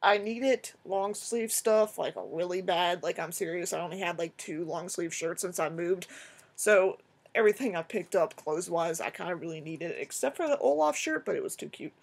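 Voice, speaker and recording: A young woman talks to her camera in an easygoing, rambling way, full of little fillers and bursts of excitement. Her voice sits a little low for a woman. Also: normal speed, vocal fry, slightly rough. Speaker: vlogger. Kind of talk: casual haul video chat.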